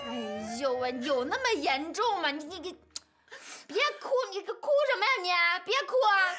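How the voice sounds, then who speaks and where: A woman's voice: extremely high pitch, sing-song, moderate pace. An actress playing a stubborn young newlywed daughter, answering her mother back in a TV drama. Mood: coaxing. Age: young adult. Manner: stubborn, defiant retorts. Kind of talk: TV drama acting.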